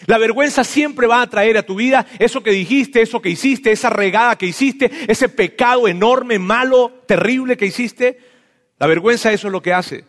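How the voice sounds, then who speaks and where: High-voiced man preaching in a hall. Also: normal speed. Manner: animated preaching, acts out voices, swings from loud to hushed. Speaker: pastor. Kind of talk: sermon. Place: church hall. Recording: long reverb of a hall.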